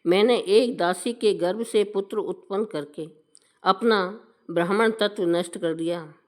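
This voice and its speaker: A woman voicing a repentant old man full of remorse, in a slow, measured recitation. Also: mid-range voice, a little mellow, lightly acted. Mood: remorseful.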